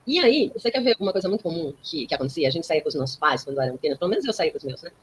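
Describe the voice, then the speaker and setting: A woman's voice: deep voice, lively intonation, rapid-fire, a little hiss or hum, poor audio. A woman speaking as a guest on a talk program. She explains ideas in a teaching way, uses everyday examples and often checks in with tag questions. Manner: didactic, with frequent tag questions.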